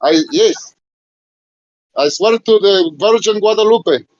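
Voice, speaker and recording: A man doing a high accented prank caller on a dull phone line. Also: slow, darkish tone, no room sound. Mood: insistent. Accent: put-on Mexican Spanish accent. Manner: broken English, cursing in Spanish, high nasal put-on voice. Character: adult male phone caller with a put-on Mexican accent, pushy job seeker.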